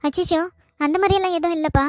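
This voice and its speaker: A woman voicing a gentle, dutiful young woman in a cartoon, speaking softly and meekly. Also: very high-pitched, steady tone, racing, dry recording, clean studio sound. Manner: soft, meek.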